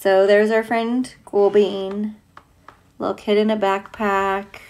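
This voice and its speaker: A woman teacher takes her time reading a picture book to kids, adding playful asides and questions for them. Her medium-pitched voice is a little mellow and her delivery flat.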